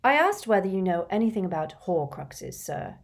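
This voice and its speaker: A woman's voice: medium pitch, sing-song, normal speed. A woman voicing a polite, guarded teenage schoolboy who speaks with some hesitation. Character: earnest teenage boy student, polite and guarded.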